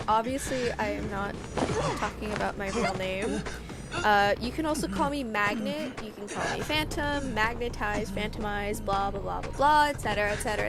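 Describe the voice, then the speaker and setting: Feminine young woman chatting casually over music. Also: a little high. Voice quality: feminine-sounding. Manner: self-conscious, apologetic, rambling with self-mocking asides. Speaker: gaming channel creator.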